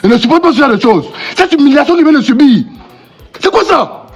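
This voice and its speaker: A man playing a shrill, indignant accused friend. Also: very animated, fairly quick, lo-fi sound, soft background music. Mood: outraged. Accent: Cameroonian French. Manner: agitated, repeats himself, protests loudly. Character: indignant man accused of flirting, quick to anger. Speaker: actor in a comedy sketch. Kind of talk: comic sketch acting.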